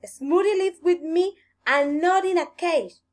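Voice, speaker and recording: A woman voicing an earnest young boy who cries out high and eager to get his toy back. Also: measured pace. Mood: polite, firm.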